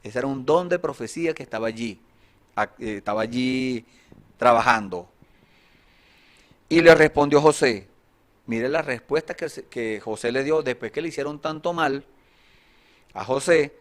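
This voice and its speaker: A man preaching a sermon, reading scripture aloud with force and then explaining it more quietly, with pauses and fillers. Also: mid-range voice.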